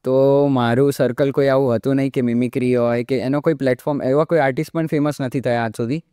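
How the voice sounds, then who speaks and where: Smooth-voiced young man explaining casually. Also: medium pitch, quick pace, no echo, clean studio sound. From India. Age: young adult, early 20s. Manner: relaxed explaining, often drops in English fillers like "like". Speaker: podcast guest, mimicry artist. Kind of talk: casual interview talk.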